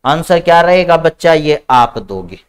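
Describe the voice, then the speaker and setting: A man's voice: fairly high pitch, very animated, unhurried, clear, resonant tone. A man teaching a biology class online in Hindi mixed with English with an Indian English accent, calling students "beta" and stretching out key terms as he dictates.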